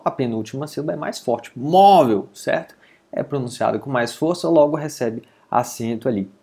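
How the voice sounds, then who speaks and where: A man's voice: fairly high pitch, darkish tone. A man with a Brazilian Portuguese accent teaching an online grammar lesson, explaining patiently and often checking that listeners follow.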